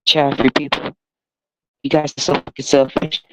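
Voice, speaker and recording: A man's voice: medium pitch, little pitch movement, normal speed, background noise. A man hosting a solo podcast, talking in a heavily sarcastic, mocking way and often laughing. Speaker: podcast host. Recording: dull lo-fi dry recording.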